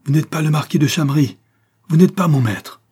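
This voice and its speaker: A man voicing an elderly male steward in an audiobook, slipping from a trembling hush into loud accusation. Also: mid-range voice, moderate pace, breathy edge, voice pushed up, natural voice. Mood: accusing. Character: older male steward, faithful then accusing.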